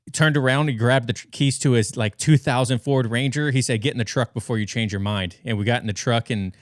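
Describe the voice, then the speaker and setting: Speaking briskly in a mid-range voice, this western American guy in his 30s chats casually on a podcast, spinning loose, meandering stories from his bedroom. The recording is dry and studio grade.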